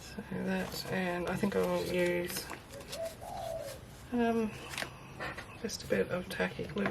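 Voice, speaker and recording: A woman's voice: fairly low pitch, fairly even intonation, takes it slowly, creaky, background noise. A middle-aged woman casually thinking aloud through a craft demonstration, sounding tinny, as if in a tin can, on a built-in camera microphone. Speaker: craft video maker. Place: indoors at a craft table. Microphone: built-in camera microphone, overhead at a distance.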